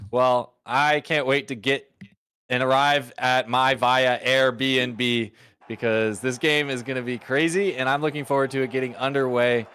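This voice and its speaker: A man's voice: mid-range voice, fairly even intonation, a little slow, fairly bright tone, clean tone, no echo, clean studio sound. A man doing casual, joking esports commentary in a playful, rambling way.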